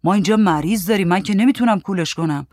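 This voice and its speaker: Narrator playing a flustered young guy, storybook, hurried. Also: high-pitched, darkish tone, no room sound, clean studio sound, lightly acted. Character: flustered young adult man, Vahid.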